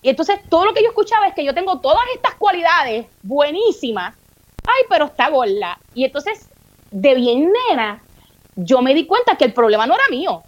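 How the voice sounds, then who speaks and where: Animated Puerto Rican woman, high voice. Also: brisk, dull audio. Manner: candid, animated storytelling with playful mimicry and swearing. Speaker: guest. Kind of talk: casual podcast conversation.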